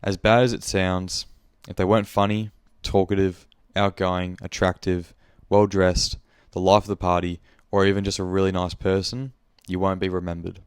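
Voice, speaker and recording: Deep-voiced young Australian man, frank. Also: level tone, moderate pace, hardly any pauses, clear, resonant tone, no echo, clean studio sound. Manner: rambling, frank, swears freely. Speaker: podcast host. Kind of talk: casual reflective monologue.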